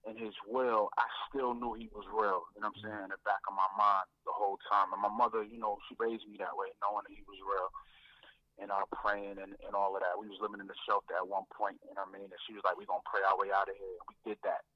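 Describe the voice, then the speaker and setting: A man, a guest rapper, telling his faith story in a reflective way, often repeating words and filling pauses. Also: on the low side, flat delivery, no room sound, lo-fi sound.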